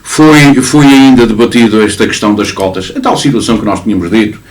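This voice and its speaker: A man commenting on football in a casual studio chat, animated and emphatic, often repeating and restarting words. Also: fairly low pitch, a little fast. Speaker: sports commentator. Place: local TV studio.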